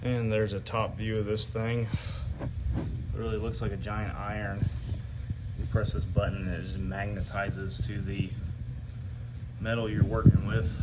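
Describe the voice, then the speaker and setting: A man's voice: lowish voice, flat delivery, unhurried, pauses often, very noisy. A man giving a casual step-by-step how-to while working on his van. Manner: plain, practical, explaining step by step. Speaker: DIY van builder.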